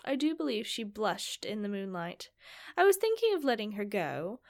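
A woman voicing a boastful, confident male vampire, reading slowly and savoring each line, a little nasal from a cold. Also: on the high side.

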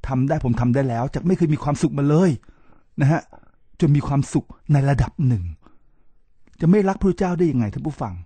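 A man's voice: medium pitch, a little fast, mellow, husky, dry recording. Thai male host giving a preachy talk. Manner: preachy, repeats address to listeners, spells out English terms. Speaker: podcast host. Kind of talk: lecturing monologue to listeners.

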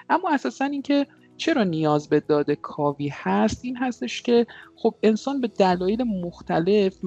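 A man's voice: on the high side, gravelly, a little mellow. A man speaking as the guest expert on a podcast, explaining in a polite, formal way with frequent hesitations. Lo-fi recording with faint background music. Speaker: guest expert on data mining. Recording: dull lo-fi sound with faint music.

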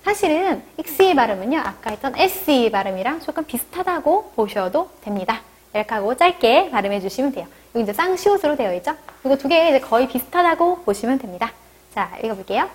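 Woman, high voice, language teacher, video lesson, models sounds for repetition. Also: very animated, breathy edge. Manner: explains step by step, then models sounds slowly for repetition.

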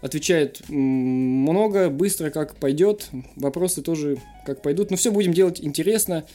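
A man's voice: fairly high pitch, normal speed, warm tone, faint music behind. A man hosting a casual interview show, joking and self-deprecating, who burrs his r sounds.

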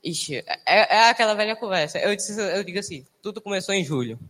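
A young man speaks in a casual church testimony. He sounds emotional and halting, often restarting his sentences. His voice rings with long reverb in a big hall. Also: high-pitched, lively intonation, sharp tone. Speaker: church member giving testimony.

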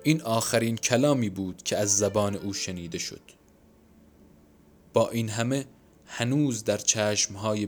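A male audiobook narrator with a low, measured voice reads a literary story in a somber tone. Soft instrumental music plays faintly behind him.

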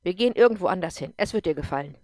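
A woman voicing a drunk, bitter man who talks loudly and with contempt, in an audiobook. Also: fairly low pitch, animated, racing, dry recording, clean studio sound, close to an everyday voice. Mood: angry. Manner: loud, contemptuous, pushing. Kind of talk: audiobook character voice.

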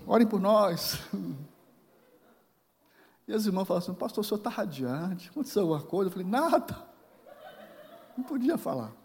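Preaching as a pastor in a large, long-reverb church hall, a man in his forties speaks with a Brazilian Portuguese accent in a voice on the high side and somewhat mellow. He shares a personal story, performing the dialogue with swings of emotion.

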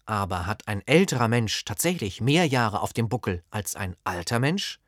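A man reading a personal column aloud in a wry, deliberate way, posing playful rhetorical questions. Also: fairly low pitch, very animated, a bit bright, no room sound, studio quality. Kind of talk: scripted narration of a personal column.

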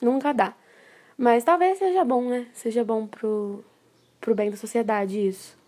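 A woman hosting a podcast, telling a story in a lively, emphatic way and laughing often. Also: a little high, a little slow. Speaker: podcast host. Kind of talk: casual storytelling chat.

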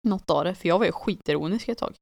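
A woman co-hosting a podcast in casual chat, relaxed and self-deprecating, laughing easily. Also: lowish voice, gravelly, dry recording. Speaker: podcast co-host.

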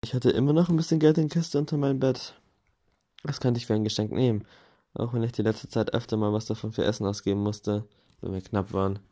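A man reading a first-person novel aloud in a plain, steady way, with small self-corrections now and then. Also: mid-range voice, quick pace. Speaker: audiobook reader.

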